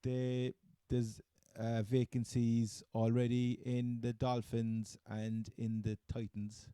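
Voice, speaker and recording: Male podcast co-host, Cork accent, very soft mellow tone, close dry sound, halting casual sports chat. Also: mid-range voice, flat delivery, clear, resonant tone, no room sound. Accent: Cork, Irish. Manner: halting, hesitant phrasing.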